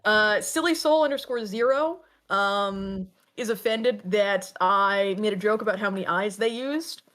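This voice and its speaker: A woman co-hosts a casual livestream, reading viewers' chat comments aloud and teasing playfully. Her medium-pitched voice is fairly bright and a little slow.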